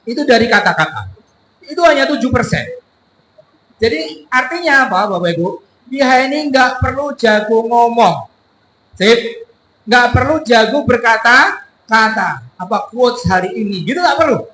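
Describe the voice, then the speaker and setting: A man speaks at a business seminar with lively energy, throwing rhetorical questions at the crowd. His voice is bright and forceful. It rings in an echoey hall with faint ambient noise behind. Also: very high-pitched. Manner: energetic, addresses audience as Bapak Ibu, asks rhetorical questions. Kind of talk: motivational seminar talk. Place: event hall with audience.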